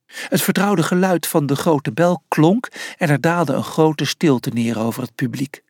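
Slow, husky man reading a storybook. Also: a little high, a little mellow, no echo, studio quality. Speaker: narrator.

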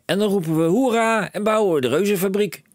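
Storybook dad voiced by a man: high, yelling, manic, lively swings, dry close sound. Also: moderate pace, no echo. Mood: overexcited. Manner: shouting, breathless overexcited rants. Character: excitable bellowing middle-aged father, inventor-mad. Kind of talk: audiobook character voice.

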